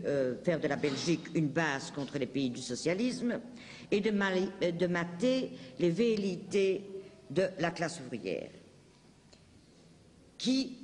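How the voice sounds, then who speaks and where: A high-voiced man delivers a political speech with long reverberation trailing each phrase. He is declamatory and impassioned, leaning hard on key words and phrasing them for dramatic weight. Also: a little mellow. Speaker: political speaker.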